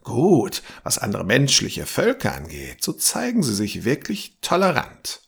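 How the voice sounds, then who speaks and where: Man playing an old bearded man, grumbling, slow, gravelly voice, husky, grave warnings. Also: mid-range voice, huge pitch swings, pitched above the performer's own voice, exaggerated voice. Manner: slow, grave warnings, sometimes dropping to a whisper.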